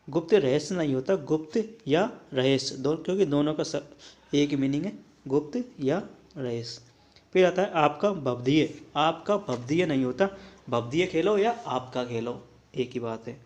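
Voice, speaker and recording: A young man teaching correct spellings in a lesson, setting each wrong form against the right one and checking in often with a quick "okay". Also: fairly high pitch, darkish tone. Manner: repetitive drilling, checks in with "ठीक है" often; contrasts the wrong form with the right one, pausing mid-word. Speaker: Hindi teacher. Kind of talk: spelling lesson for exam prep.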